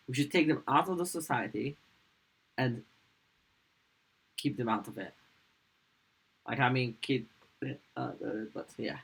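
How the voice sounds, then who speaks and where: A man hosting a reaction video, talking straight to his viewers in a halting, agitated way. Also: medium pitch, husky, rough recording. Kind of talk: casual reaction commentary.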